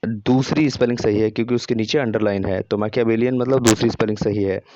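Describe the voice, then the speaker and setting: A man's voice: fairly low pitch, steady tone, fast talker, warm tone, a little hiss or hum. A man teaching a vocabulary lesson, often repeating words and spelling them out letter by letter. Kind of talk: vocabulary lesson with memory tricks. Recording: dry, dull lo-fi sound.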